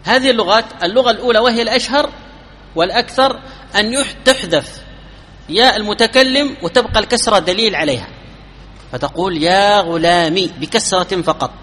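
A man giving a classical Arabic grammar lesson, explaining step by step, asking his students questions and drawing out each example phrase slowly. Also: sits high, animated, bright, forceful tone, big-room sound. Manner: slows down and drawls out example phrases.

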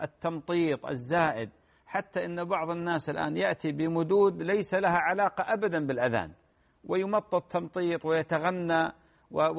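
Measured Arabic-speaking scholar answering questions. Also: male voice, on the high side. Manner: measured, repeats key phrases, clears throat. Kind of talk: religious Q&A lecture.

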